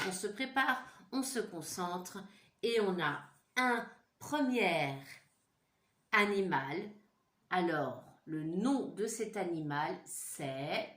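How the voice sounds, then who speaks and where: A woman's voice: on the low side, a bit bright. A woman teacher giving a home-school lesson to young children, patiently repeating sounds and words for them to echo. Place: home room. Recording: echoey room.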